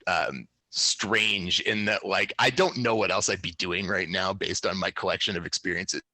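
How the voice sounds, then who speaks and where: A man's voice: low-pitched, moderate pace, sharp tone, no room sound. A man in his thirties, a startup founder talking casually in an interview, thoughtful and loose with many fillers and restarts.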